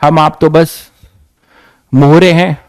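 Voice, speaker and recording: A young man with a fairly high voice lectures physics students and keeps firing rhetorical questions at them, plainly frustrated. The sound is dry and close, with no room around it. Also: steady tone, slow, no room sound. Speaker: physics teacher. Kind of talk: lecture with a rant.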